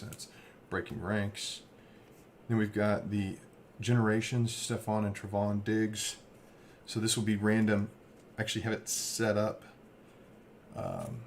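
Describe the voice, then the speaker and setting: A man hosting a card break, casually rambling as he reads off player names. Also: fairly low pitch. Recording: faint background noise.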